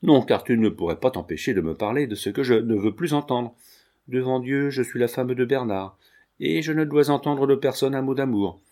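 A man's voice: medium pitch, moderate pace, warm tone, natural voice. A man reading the lines of a young working-class woman who firmly and sadly refuses a proposal.

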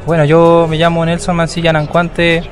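A man's voice: fairly high pitch, completely flat delivery, normal speed, soft background music. A young man in his twenties with a slightly raised voice, recounting his work at an easy interview pace. He talks in a hesitant way, full of fillers and restarts. He was recorded outdoors in a built-up area. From southern Chile. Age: 20s. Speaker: Mapuche language teacher. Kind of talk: casual interview account. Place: outdoors at a bus terminal.

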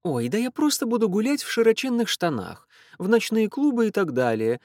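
Guy putting on a bratty teen girl, high and pushy, rattles off her comebacks fast, dry sound. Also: very animated, darkish tone, no echo. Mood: defiant. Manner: insistent, quick, defiant. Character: stubborn, bratty teenage girl, shrill and insistent.

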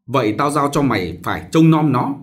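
Guy reading as a fussy middle-aged master giving orders, lively voice. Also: mid-range voice, fairly quick, close to an everyday voice. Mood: instructing. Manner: fussy firm instructions.

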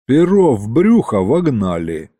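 A man's voice: mid-range voice, huge pitch swings, a little slow, dark tone, husky, no echo, studio quality, exaggerated voice. A man voicing a streetwise imp henchman who talks in clipped gangster slang. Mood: gruff.

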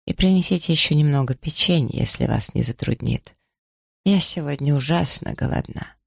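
A man's voice: a little high, moderate pace, gravelly, breathy edge, dry recording, studio quality. A man reading aloud, putting on the voice of a bold, scornful young village woman with a mocking, haughty manner. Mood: teasing.

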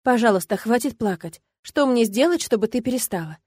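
A woman voicing a male dragon in human form, soft and coaxing with the heroine. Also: very high voice, animated, fairly quick, breathy edge, no echo, heavily acted. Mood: pleading.

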